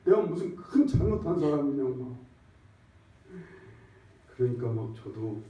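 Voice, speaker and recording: Man preaching in an echoey church. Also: medium pitch. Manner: conversational preaching, swinging from loud emphatic exclamation to hushed near-whisper. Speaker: pastor. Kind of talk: sermon. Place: church sanctuary. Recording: echoey dull church recording from far off.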